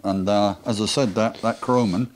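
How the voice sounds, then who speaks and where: In this casual workshop interview, the same older motorcycle engine builder with a Norfolk English accent keeps his replies short, plain-spoken, and full of dialect grammar. He talks at a normal pace in a lowish voice with fairly even intonation. A handheld mic with a windscreen records him, adding slight hiss or hum.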